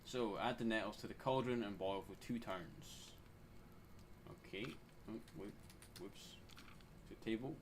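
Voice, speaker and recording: With clear game sounds in the background, a man mutters through casual gameplay commentary, swearing freely as he plays. He speaks in a lowish voice, unhurried and with long pauses.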